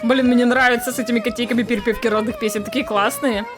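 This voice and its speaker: A woman's voice: fairly high pitch, steady tone, fast talker. A woman talking casually in a cute, playful anime-streamer manner as she reacts to video clips. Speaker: streamer reacting to a clip compilation. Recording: music behind the voice. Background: music and sounds of watched clips.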